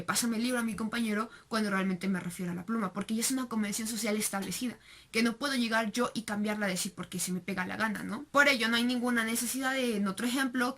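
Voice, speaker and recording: A young woman with a Mexican Spanish accent walks through a recorded class presentation. Her voice sits slightly high, and she explains step by step, filling pauses and tagging points with rhetorical questions. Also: a bit bright. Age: young adult. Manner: explanatory, with frequent fillers and rhetorical tags. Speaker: student presenter.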